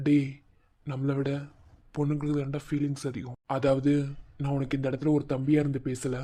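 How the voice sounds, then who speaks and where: Cartoon: man voicing patient younger brother, flat and mellow. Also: mid-range voice, close to an everyday voice. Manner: soothing, patient. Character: younger brother, calm and reassuring. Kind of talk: cartoon voice acting.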